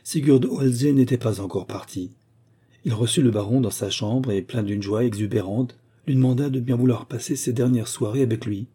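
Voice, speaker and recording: Male narrator, dark husky low voice, measured literary reading. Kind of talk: scripted audiobook narration.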